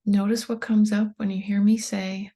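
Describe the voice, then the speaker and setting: In a mellow, breathy, mid-range voice, a woman guides a meditation as a meditation guide and tapping coach. Each short instruction is followed by an unhurried pause, and her soft, calm delivery keeps to an even, gentle line with scant rise or fall.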